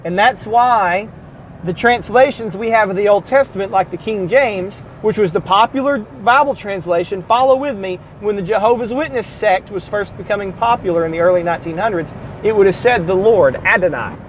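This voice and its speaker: A man's voice: high voice, moderate pace, lo-fi sound, slight background noise. A man with a Southern US accent giving a classroom lecture on the Bible, explaining step by step, spelling out letters and correcting himself as he goes. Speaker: Bible teacher.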